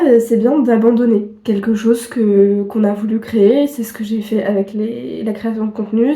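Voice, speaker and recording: A woman's voice: fairly high pitch, mellow. A young woman vlogging casually to camera, sniffly with a cold, chatty and self-mocking, full of fillers. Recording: echoey room.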